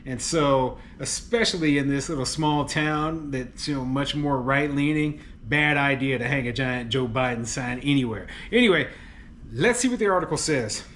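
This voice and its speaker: A man's voice: medium pitch, normal speed, a bit bright, a little hiss or hum. A man who is a landlord, casually commenting on a news article with lots of fillers, frequent laughs and exasperated opinions. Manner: chatty, laughs often, many fillers like "you know" and "okay". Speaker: landlord and real estate commentator.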